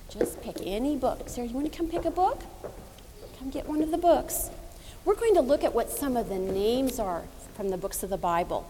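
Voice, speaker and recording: A woman giving a children's sermon in a sweet, patient Sunday school manner, using simple words and gently coaxing. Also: fairly high pitch. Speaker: children's message leader at church. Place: large echoing church indoors. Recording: reverberant church hall with background noise.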